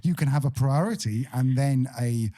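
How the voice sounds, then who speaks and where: A man's voice: medium pitch, moderate pace, dark tone. A man co-hosting a podcast in casual chat, joking and playfully sarcastic. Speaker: podcast co-host.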